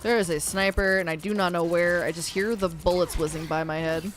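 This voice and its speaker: A woman's voice: fairly low pitch, steady tone, brisk, faint music behind. A woman live-streaming a game with casual commentary, talking in slangy frat-bro style and swearing freely. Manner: slangy frat-bro talk, says bro and dude. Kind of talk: casual gameplay chat and commentary.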